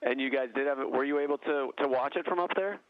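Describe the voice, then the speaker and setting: A man working as a news reporter, asking informal, halting interview questions over a phone line. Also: mid-range voice. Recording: tinny, dry phone line.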